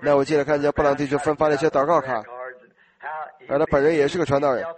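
A slightly hoarse man preaching an informal sermon, talking conversationally to his congregation and asking them questions. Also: fairly high pitch, flat delivery, fast talker, a crowd in the background.

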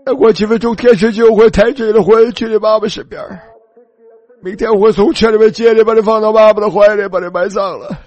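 A man with a high voice delivers a sermon as a personal testimony. He speaks in an emotional, pleading manner that often turns tearful. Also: steady tone, fast talker, a little mellow, highs cut off. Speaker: preacher.

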